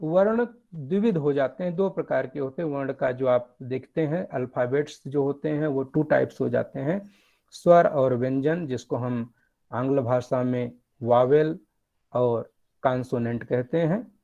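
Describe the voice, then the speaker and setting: A man giving a lecture, explaining step by step with animated emphasis. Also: mid-range voice, measured pace, creaky, highs cut off. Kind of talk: academic lecture.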